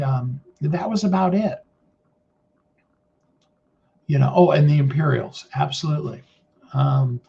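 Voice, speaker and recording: Earnest and meandering, a middle-aged motivational speaker piles on filler words while he circles what he means to say in a casual talk. His voice is naturally high, soft and mellow, touched by vocal fry. The sound quality is muffled and low-fidelity.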